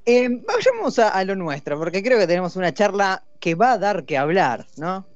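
Here a male podcast host from Argentina talks at a moderate pace in a high, sing-song voice, joking and peppering his casual chat with filler sounds. Faint music plays beneath dull, dry lo-fi audio with no room sound.

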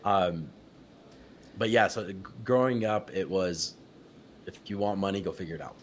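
A man with a notably low voice tells stories from his early years as an interview guest. He grew up in Utah and talks in a casual, animated way, often laughing and slipping into the voices of people he quotes. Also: moderate pace, slight background noise. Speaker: guest, company founder.

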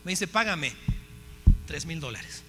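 A man, a pastor, telling a story in a sermon with lively acted-out dialogue. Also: a little high, slow pace. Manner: animated storytelling, acting out dialogue. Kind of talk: sermon testimony. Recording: hall reverb, faint hum.

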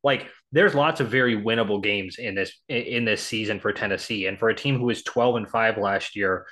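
A man's voice: lowish voice, fairly quick, fairly bright tone. A man co-hosting a sports podcast, talking casually, rattling off statistics with frequent ums and restarts. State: has the hiccups. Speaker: podcast co-host. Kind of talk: casual sports prediction talk.

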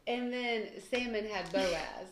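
A woman, co-hosting a casual Bible discussion, chatty and quick to laugh at herself. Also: medium pitch. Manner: chatty, laughs often, self-deprecating. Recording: echoey room with faint noise.

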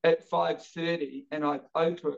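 Telling animated stories in a relaxed podcast chat, a jiu-jitsu coach in his late fifties speaks with a New Zealand accent and a slightly high, creaky voice, going a little slowly. He's energetic but stammers and repeats himself, all on lo-fi audio.

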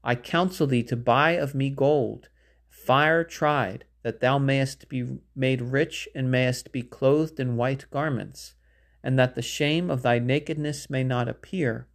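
A man reading scripture aloud in a measured, solemn way, phrasing archaic verse with care. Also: medium pitch, fairly even intonation, creaky. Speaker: Bible reader.

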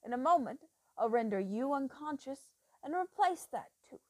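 A woman voicing a treacherous old male doctor who talks in low, slow, intense murmurs that flare into sudden loud bursts. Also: animated, dry recording. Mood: menacing, obsessive.

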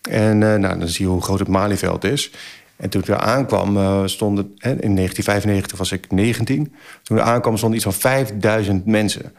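Speaking in a lowish, creaky voice a little on the fast side, a man in his forties appears as a podcast guest. He recounts a story in a loose, lively way, reenacting things he once exclaimed and filling gaps with many filler sounds.

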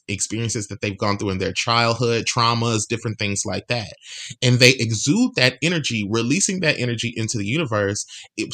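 Bright-voiced earnest man, motivational podcast. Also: mid-range voice. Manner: earnest, encouraging, repeats phrases for emphasis, stretches words slowly. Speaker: podcast host. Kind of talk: motivational solo podcast talk.

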